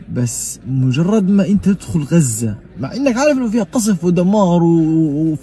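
A man's voice: a little high, dark tone. A young man from Gaza with a Gazan Arabic accent, talking in a casual personal monologue and swearing oaths for emphasis. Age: young adult. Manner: emphatic, swears oaths often, talks rapidly. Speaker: vlogger.

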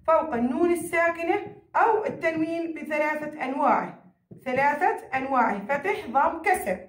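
A woman teacher with a Jordanian accent giving a recorded lesson to children, repeating key phrases and answering her own questions. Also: high voice. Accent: Jordanian Arabic. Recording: echoey room.

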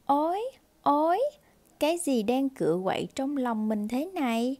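A woman voicing a shy, lonely little clay teapot, childlike and expressive, while reading a storybook to a toddler. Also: sits high, measured pace. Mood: alarmed.

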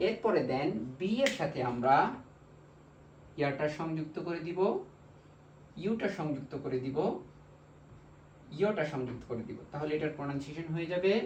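A man with a Bangladeshi Bengali accent teaching a language lesson, slowly drilling syllables one by one. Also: fairly high pitch, darkish tone, a little hiss or hum. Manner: slow, repetitive drilling of syllables. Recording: echoey room, mic far off.

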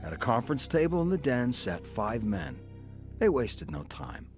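Soft music sits beneath an actor voicing a troubled, earnest man who looks back on his past in a first-person radio drama. He speaks at medium pitch and a moderate pace, very animated, with a darkish tone and a grave, reflective mood.

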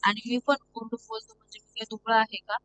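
A woman voicing a hot-tempered young husband who scolds and fires off questions, over a steady hum. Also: a little high, fairly quick, natural voice, poor audio. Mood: angry.

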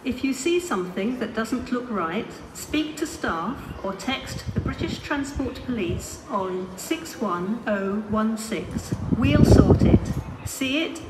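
A woman's recorded voice making train station announcements over loudspeakers, slow and measured, her words evenly spaced. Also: a little high, background noise. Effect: train station public address announcement over loudspeakers. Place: railway station platform.

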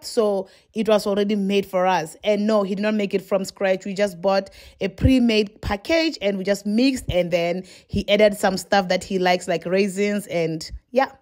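A woman chatting casually in a home vlog, warm and emphatic, repeating phrases for effect. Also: mid-range voice. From Botswana. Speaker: vlogger.

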